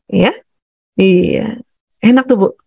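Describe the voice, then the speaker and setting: An Indonesian man from Bugis Makassar with a thick, loud voice, giving an animated seminar talk to teachers and parents and leading breathing exercises. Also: sits high, takes it slowly, vocal fry, breathy edge, no room sound. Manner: animated, laughs often, leads breathing exercises.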